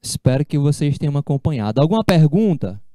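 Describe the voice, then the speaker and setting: A man teaching a language class, explaining slowly and repeating each step, with casual friendly asides to his students. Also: fairly high pitch, sing-song, warm tone, no room sound, clean studio sound. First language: Portuguese. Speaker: Spanish teacher. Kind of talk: online class lecture.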